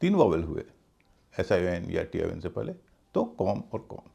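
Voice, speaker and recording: Male english teacher explaining in hindi, gravelly lowish voice that moves around a lot, spells words out slow. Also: very animated, dark tone. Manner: patient, repeats key points, spells words letter by letter. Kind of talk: explanatory mini lesson.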